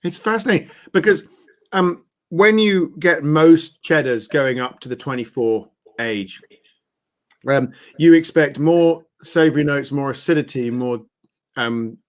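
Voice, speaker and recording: A man's voice: fairly high pitch, a little slow. Chatty man hosting a cheese talk. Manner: chatty, hesitant with many fillers and restarts. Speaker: host. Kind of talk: casual interview chat.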